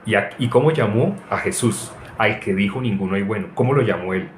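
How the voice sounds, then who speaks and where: A middle-aged man preaching an informal sermon, telling personal stories in an animated way with frequent laughs. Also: lowish voice, a little fast, a little hiss or hum. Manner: animated, tells anecdotes, mocks voices, frequent laughs. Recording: echoey room.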